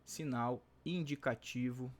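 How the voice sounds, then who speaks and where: A man's voice: mid-range voice, steady tone. A Brazilian Portuguese-accented male teacher, going through exam questions and checking in with the class after nearly every sentence. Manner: chatty, checks in constantly with tag questions; stretches out example words slowly. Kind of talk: exam-prep lesson solving test questions.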